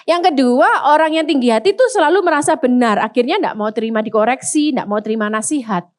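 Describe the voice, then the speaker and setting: A woman's voice: sits high, fast. A woman pastor with an Indonesian accent preaching a sermon, speaking directly to the congregation, slipping in English phrases and acting out the voices of proud people. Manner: animated, acts out proud speakers in a raised voice; addresses congregation as Bapak Ibu.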